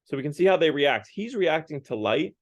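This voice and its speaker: In a brisk, expressive, fairly high voice, a man gives an informal Lenten talk on a book as part of a parish series. The recording has no echo but its highs are cut off, and he keeps tossing in "right?" and "like" as he chats.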